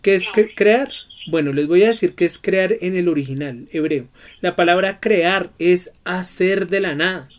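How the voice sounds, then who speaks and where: A man's voice: high voice, normal speed. A man teaching a Bible study lesson who keeps asking his students questions and prompting their answers.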